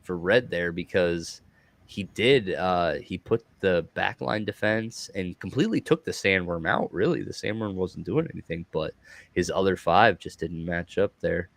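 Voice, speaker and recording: Gravelly excitable male stream commentator. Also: low voice, moderate pace, no room sound. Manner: excitable, exclaims often. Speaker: esports commentator. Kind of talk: casual live stream commentary.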